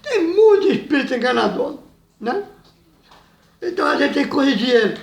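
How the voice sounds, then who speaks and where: A man preaching an informal sermon in a loud, emphatic way, laughing between phrases. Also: extremely high pitch, very animated, normal speed, gravelly, roomy sound. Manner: loud and emphatic, says he always talks loud; laughs between phrases, says "meu irmão" often. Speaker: evangelical preacher.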